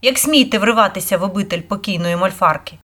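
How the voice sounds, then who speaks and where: A woman voicing a grumpy little male forest spirit in a read-aloud storybook, with a gruff, grumbling manner. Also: medium pitch, quick pace, a bit bright, close to an everyday voice.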